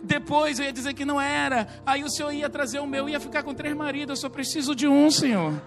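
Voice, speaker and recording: A flustered wife argues her case to God in a raised, protesting voice with a gravelly edge, as a male preacher puts her on. Music plays behind her. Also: extremely high pitch, steady tone, fast, pitched above the performer's own voice. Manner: earnest, protesting, comic.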